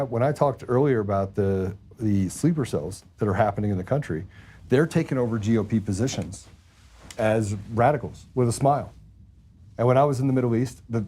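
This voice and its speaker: A man's voice: on the low side, dark tone. A man hosting a political talk show, blunt and heated, often repeating words as he gets going.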